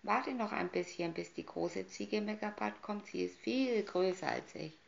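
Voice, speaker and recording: A woman's voice: mid-range voice, a little slow, vocal fry, voice pushed up. A woman voicing the middle young goat, with a stronger, somewhat raised voice, in a storybook reading on a dull lo-fi recording. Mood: eager. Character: middle young goat, bolder than the smallest.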